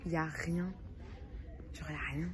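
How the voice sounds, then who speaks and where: A woman's voice: low-pitched, fairly even intonation, normal speed, background noise. A woman in her twenties chatting casually in a vlog, slangy and rambling. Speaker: vlogger.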